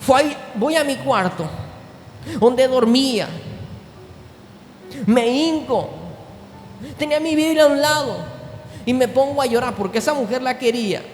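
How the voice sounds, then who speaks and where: A man preaching, dropping low and close, then building to shouted peaks. His voice rings through a big echoing church hall with music playing behind him. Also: unhurried, long pauses. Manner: impassioned preaching, swings from low intimate tones to shouted climaxes. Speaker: pastor. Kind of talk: sermon.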